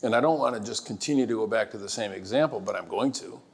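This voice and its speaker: Husky guy on a panel, measured and frank, hall echo. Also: lowish voice. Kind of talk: panel discussion. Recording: echoey hall with long reverb.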